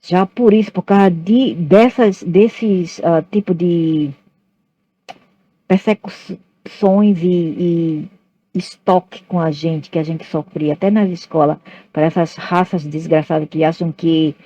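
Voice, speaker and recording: A woman's voice: fairly low pitch, fairly even intonation, takes it slowly, mellow. A woman telling a personal story in a bitter, ranting monologue, in a dull lo-fi recording.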